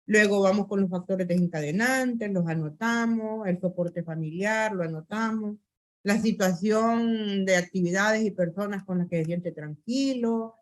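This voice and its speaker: This woman has a mid-range voice and keeps a measured pace. Over a video call on her computer mic, she lectures an online university class, proceeding item by item in an orderly way with frequent filler hesitations.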